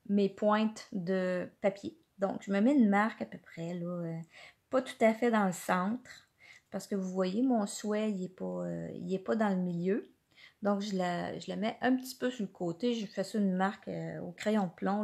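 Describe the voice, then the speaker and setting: A woman with a Quebec French accent walks viewers through a card-making project in a live tutorial. She talks in a chatty, unhurried way, filling pauses with hesitations and correcting herself as she goes. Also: medium pitch, a little mellow. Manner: chatty, hesitant, many fillers and self-corrections.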